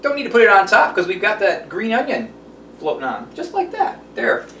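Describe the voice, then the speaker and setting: A man's voice: high-pitched, very animated, a little fast, fairly bright tone, a little hiss or hum. Folksy chatty man, cooking show host. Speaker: TV chef host. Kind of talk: cooking demonstration. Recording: echoey room, mic at a distance.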